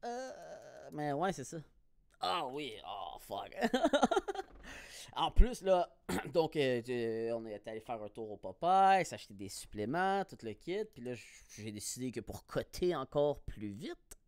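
A young Québécois man chats on his podcast in a loose, slangy way. He laughs often and swears freely as he tells his stories. His voice sits at a medium pitch, and the recording is very dry. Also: sing-song, slow pace, dry recording. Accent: Québécois French. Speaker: podcast host. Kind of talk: casual chat.

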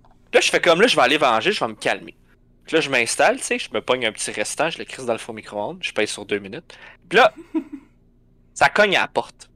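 A man with a Québécois accent telling an animated story in casual chat, swearing often and acting out the scenes. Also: medium pitch, fairly quick, dry recording. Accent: Québécois French.

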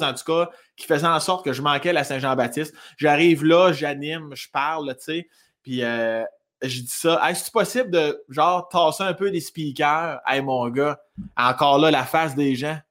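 A comedian in his thirties with a Québécois accent, telling stories in casual chat, animated and swearing freely. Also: mid-range voice. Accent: Québécois French. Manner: animated storyteller, swears freely, laughs often. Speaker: comedian guest.

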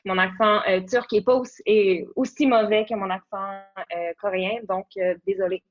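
A young woman explains things eagerly as a podcast guest, full of fillers and restarts. Her voice sits at a middle pitch. The audio is slightly dull and muffled. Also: fairly even intonation, moderate pace. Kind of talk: podcast interview.

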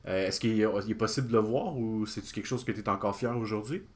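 A man with a Québécois accent, asking questions in a relaxed, conversational interview. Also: on the low side, quick pace. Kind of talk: casual interview chat.

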